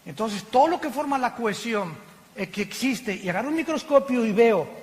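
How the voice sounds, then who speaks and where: A man preaching a passionate sermon from the pulpit, with sudden loud exclamations. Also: extremely high pitch, animated, normal speed. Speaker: pastor. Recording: long hall reverb.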